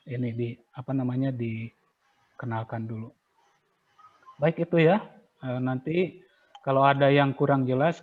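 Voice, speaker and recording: A male teacher patiently explaining exam rules to students, with many fillers and repetitions. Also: mid-range voice. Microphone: video call. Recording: tinny phone-like online call audio.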